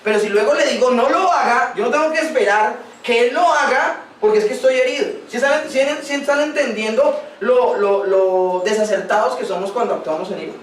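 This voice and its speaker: A man's voice: extremely high pitch, brisk, few pauses, a little hiss or hum. A male pastor preaching a sermon earnestly, now and then acting out quoted dialogue. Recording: roomy distant sound, recorded without a microphone.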